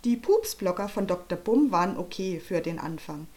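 A woman with a fairly low, darkish voice that stays close to her everyday tone reads an audiobook at a moderate pace with lively intonation. She plays a cheeky young girl whose speech is bold, bubbly, and full of boasting.

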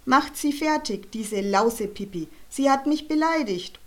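Whiny blustery schoolboy bully, hotheaded, kinda high, lady voicing him. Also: expressive, unhurried. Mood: angry. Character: rude hulking schoolboy bully, hot-tempered.

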